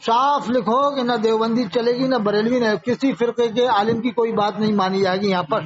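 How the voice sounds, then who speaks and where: A man's voice: very high voice, fairly even intonation. A man from India gives a polemical religious talk, arguing and firing off rhetorical questions. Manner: argumentative, fires off rhetorical questions. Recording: dull lo-fi audio.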